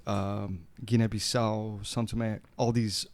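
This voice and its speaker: A man's voice: on the low side, level tone, a little slow, darkish tone. A man in his forties, born in Portugal and raised in Mozambique, telling his story in a chatty, playful podcast interview. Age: 40s. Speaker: guest musician.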